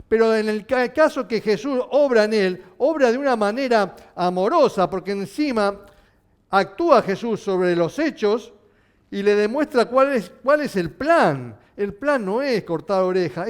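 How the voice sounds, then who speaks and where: A man's voice: sits high, smooth. A male pastor preaching a sermon, asking his listeners questions. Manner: animated, asking the congregation questions.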